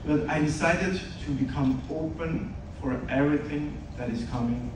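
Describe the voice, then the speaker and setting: A man from Switzerland, a podcast host speaking at an event, tells his story earnestly to an audience in a motivational talk. His voice is fairly high-pitched, at a normal speed. Captured from afar in a large event hall, the audio is echoey with noise.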